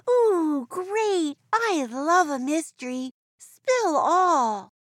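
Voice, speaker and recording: A woman acts out a playful, excitable cartoon cat girl. The voice is high and swoops widely, with a broad singsong kids' theatre delivery. It sits close and dry, full of curiosity. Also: slow pace, no echo, heavily acted. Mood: excited, playful. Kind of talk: scripted educational dialogue for children.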